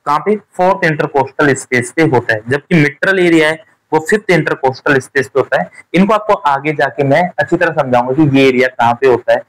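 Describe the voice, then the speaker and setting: A man teaching a nursing exam lesson, putting quick questions to his students and checking that they follow. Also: on the high side, rough recording. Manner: repeats points as quick quiz questions to students; keeps checking with "theek hai" and "clear hua". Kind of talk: classroom-style lecture.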